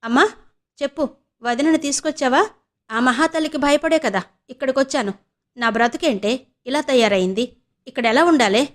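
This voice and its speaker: A woman voicing a sulky, sharp-tongued young woman who complains sarcastically in an audio novel. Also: high-pitched, normal speed, long pauses.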